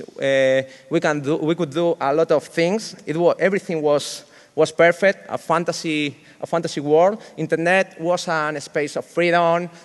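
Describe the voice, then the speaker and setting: A Spanish-accented man in his thirties gives a joking conference talk in a big reverberant hall. His voice sits a little high for a man, and his English is halting, with fillers and self-deprecating asides. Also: clean tone. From Spain. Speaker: conference speaker.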